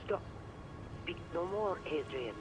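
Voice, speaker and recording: Slow, swooping theatrical fortune teller. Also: male voice, a little high, lively intonation, music in the background, rough recording. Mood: mystical, commanding. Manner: mystical, dramatic fortune-teller delivery with drawn-out pauses. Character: theatrical fortune teller reading tarot over the phone. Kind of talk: video game voice acting.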